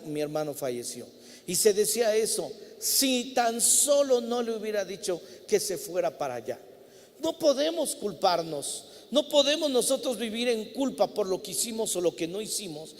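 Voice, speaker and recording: A Mexican pastor preaches with a fairly high voice, acting out the voices in his stories with lively emphasis. His sermon carries a long reverb through a church hall. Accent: Mexican Spanish. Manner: storytelling, acting out biblical dialogue with lively emphasis. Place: church sanctuary.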